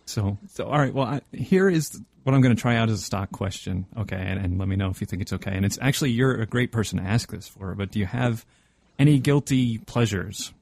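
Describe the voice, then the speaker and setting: A man's voice: on the low side, fairly quick, darkish tone, no room sound. A man hosting a podcast interview, friendly, rambling and self-conscious. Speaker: podcast host. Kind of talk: casual interview chat.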